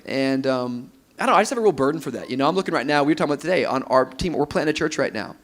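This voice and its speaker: Animated pastor man on a stage panel. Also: a little high, racing. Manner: animated, laughs while mimicking couples. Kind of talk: conference panel talk. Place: large room with audience on stage.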